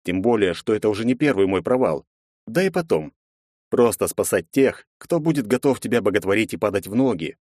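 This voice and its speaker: A man narrating a fantasy audiobook in the first person, measured and reflective. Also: fairly low pitch, animated, a little mellow, no room sound, clean studio sound.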